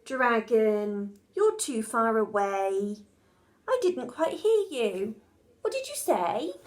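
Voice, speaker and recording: A clumsy little girl witch from a storybook, squeaking in high, excited bursts. A woman acts her out, bright and childlike. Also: slow pace. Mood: sly.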